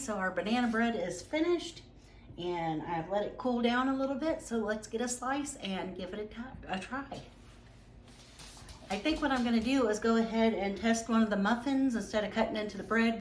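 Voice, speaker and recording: A woman hosting a casual home vlog, chatty and relaxed with many ums. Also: mid-range voice, moderate pace, slight background noise. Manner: talks while tasting, mouth full. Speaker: home cooking vlogger. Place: home kitchen and growing room. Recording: roomy home echo.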